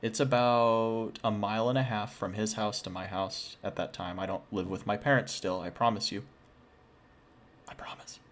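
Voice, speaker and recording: Young man, slightly low voice, casual storytelling, chatty, self-deprecating. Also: steady tone, normal speed, hardly any pauses.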